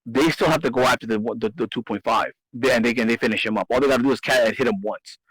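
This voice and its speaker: A man's voice: medium pitch, fast, a bit bright, husky, no echo, low-quality recording. A man in casual talk, explaining game strategy and often restarting and repeating his phrases for emphasis. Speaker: host. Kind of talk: casual gaming strategy discussion.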